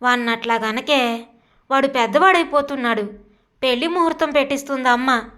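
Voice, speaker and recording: A woman reading the part of a gentle, middle-aged mother who mildly chides her children in a storybook. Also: high-pitched, moderate pace. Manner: soothing, mildly chiding.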